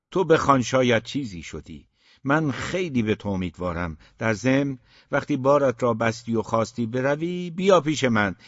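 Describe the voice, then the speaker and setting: A man's voice: medium pitch, no echo, highs cut off, close to an everyday voice. A man voicing a genial older uncle who speaks encouragingly and without hurry in an audiobook. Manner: warm, encouraging, unhurried. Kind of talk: audiobook character reading.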